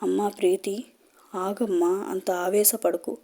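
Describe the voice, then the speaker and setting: A gentle older mother, put on by a woman storyteller, coaxing and soothing in a steady, level tone. Her voice is soft and mellow, and her worry sits under every word. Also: mid-range voice, slow.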